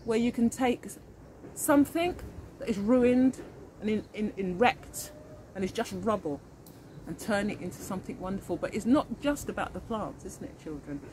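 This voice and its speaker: In a leafy garden outside, a middle-aged woman reads expressively in the role of a teacher of young kids, speaking right to them and posing questions. Her mid-range voice is animated and darkish in tone, at a normal speed. There's slight background noise on a low-quality recording.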